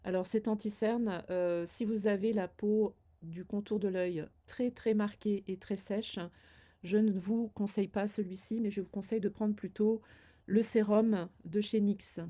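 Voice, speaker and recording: An older beauty vlogger demonstrates her makeup routine while talking, offering friendly but hesitant advice laced with many fillers. Her mellow, medium-pitched voice is fairly even in intonation and unhurried.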